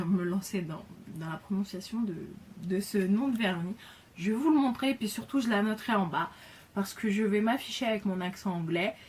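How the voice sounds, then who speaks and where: A woman's voice: mid-range voice, slight background noise. A woman chatting casually in a beauty haul video, enthusiastic, with lots of fillers and repeated words. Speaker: beauty vlogger.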